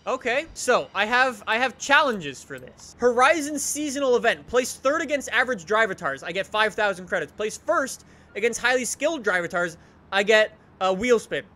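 Excitable young man commentating gameplay. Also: high voice, normal speed. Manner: excitable, energetic, swings to shouts. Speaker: gaming YouTuber. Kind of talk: let's play commentary.

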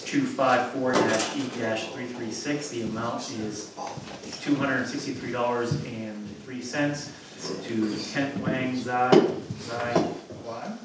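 A man chairing a borough council meeting, moving briskly and informally through the agenda items. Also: mid-range voice, steady tone. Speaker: council president. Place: council chamber. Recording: echoey room from far off with noise.

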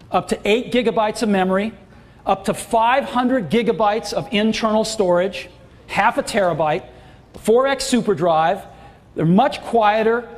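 A middle-aged man giving a product launch keynote on a large auditorium stage, with emphatic, enthusiastic salesmanship. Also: high voice. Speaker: keynote presenter. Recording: long hall reverb, faint crowd.

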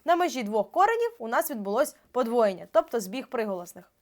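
A young woman teacher giving an exam-prep grammar lesson, explaining step by step and drawing out example words slowly. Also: a little high, big pitch swings, darkish tone. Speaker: Ukrainian language teacher.

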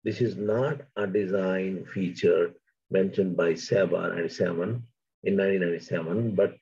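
A man's voice: deep voice, moderate pace, vocal fry, a little mellow, breathy edge, highs cut off. A man whose first language is Urdu, giving an academic linguistics lecture. He reads from his notes, then explains in plain asides.

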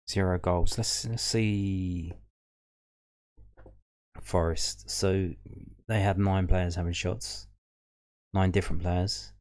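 With a low, slightly mellow voice, a fan podcast host offers casual stats commentary. He reads football match statistics off the screen, musing and thinking aloud as he goes.

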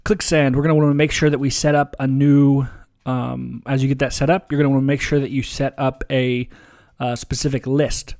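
A man presenting a relaxed, casual software tutorial over a screen recording, with frequent ums and uhs. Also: medium pitch, a little fast. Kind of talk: screen-share software walkthrough.

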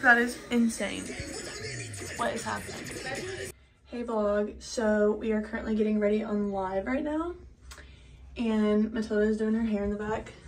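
A young woman vlogging casually into her phone, chatty and giggly, recorded with background noise. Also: on the high side. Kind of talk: casual vlog chat. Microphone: phone camera.

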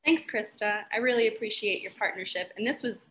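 A woman hosts a webinar over a video call, with a bright, sharp-edged tone. She talks in an upbeat, chatty way with frequent ums. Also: mid-range voice, fairly quick. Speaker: webinar host. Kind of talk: hosting an online training.

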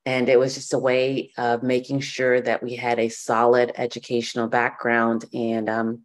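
A woman's voice: extremely low pitch, normal speed. Woman telling her story. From Bahamas. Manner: relaxed storytelling with frequent fillers. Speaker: guest. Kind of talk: podcast interview.

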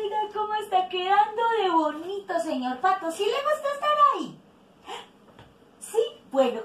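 A woman's voice: extremely high pitch, far from the mic. A young woman, a preschool teacher leading a playful children's lesson with animal sounds, exclamatory and sing-song. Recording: echoey room, a bit off-mic, faint music.

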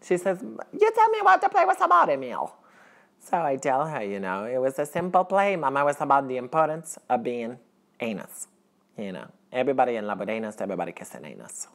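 Fairly quick and fairly bright, with vocal fry and big pitch swings, a young man acts out a deadpan comedy sketch. He plays a naive Colombian teacher in an apartment kitchen who speaks earnest broken English in a heavy Colombian Spanish accent, his pitch jumping suddenly.

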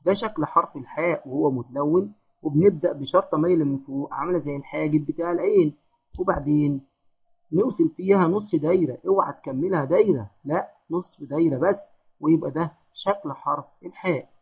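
A man with an Egyptian accent teaching young children their letters, praising them and drawing out each syllable slowly. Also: on the high side, vocal fry, breathy edge. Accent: Egyptian Arabic. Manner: encouraging, drawn-out syllable drills. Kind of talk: children's phonics lesson. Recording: dull lo-fi lesson audio.

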